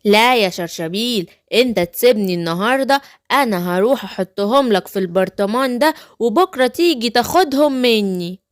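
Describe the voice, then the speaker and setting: A woman's voice: a little high, animated, brisk, no room sound, clean studio sound, lightly acted. A woman with an Egyptian accent voicing a wicked, scheming witch in a home-made children's story play. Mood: sly. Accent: Egyptian Arabic.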